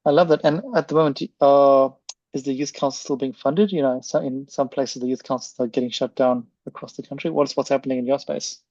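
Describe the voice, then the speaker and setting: A man's voice: mid-range voice, fairly even intonation, fairly quick, darkish tone, no echo, highs cut off. A man hosting a casual interview, effusive and repeating words for emphasis. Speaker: podcast host.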